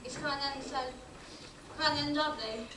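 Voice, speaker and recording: A young woman acts out a sweet, lovestruck young princess in an amateur stage show. The voice is high and shy, caught from a distance in a roomy hall. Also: moderate pace, lightly acted. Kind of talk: amateur stage pantomime acting. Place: small indoor stage hall. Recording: roomy, distant mic, clear noise.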